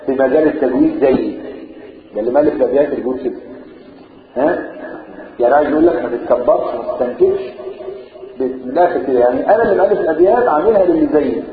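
A man with an Egyptian Arabic accent teaching Quran recitation rules, questioning his listeners and answering himself, drawing words out slowly when quoting the text. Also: fairly high pitch. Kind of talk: classroom lesson explaining verses. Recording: echoey, phone-like, listeners audible.

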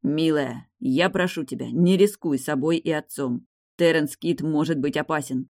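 A woman reading an audiobook, voicing a tense, protective young man who presses his point forcefully. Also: fairly low pitch, brisk, dry recording, clean studio sound, natural voice. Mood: pleading.

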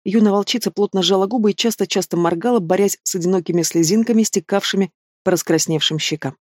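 Expressive audiobook narrator, dry sound. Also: mid-range voice, fast, dry recording. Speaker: audiobook reader. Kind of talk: scripted narration.

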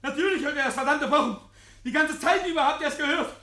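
This male actor's voice is extremely high, bright and forced as he plays a guilt-stricken, unhinged killer in a 1950s German radio play. Stammering and repeating himself, he whispers breathlessly and shrieks, sounding hysterical and enraged over the noisy period recording.

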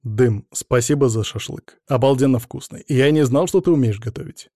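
A man reading an audiobook, voicing an observant male guest who talks in a quiet, measured way. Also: mid-range voice, dry recording, clean studio sound, lightly acted. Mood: calm.

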